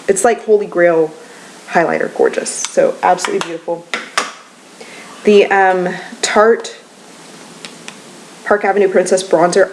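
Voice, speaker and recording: At home with kids nearby, a young woman records a casual monthly-favorites beauty vlog, gushing and rambling with lots of ums. Her voice is mid-range and a little mellow. The recording is rough, with slight background noise.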